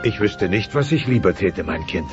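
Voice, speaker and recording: In a German-dubbed family sitcom audio play, a voice actor with a fairly low, expressive voice plays a mighty, pompous dinosaur father, blustering and sentimental yet protective and gentle. He speaks at normal speed with a light acted quality, and the recording is a dull cassette transfer with music.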